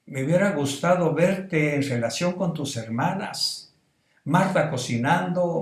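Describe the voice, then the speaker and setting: An earnest, grieving Jesus, voiced by a man, pleads with a dear friend. The voice rises in pitch and pushes louder on each reproach. It rings out in a large, echoing room. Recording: roomy echo.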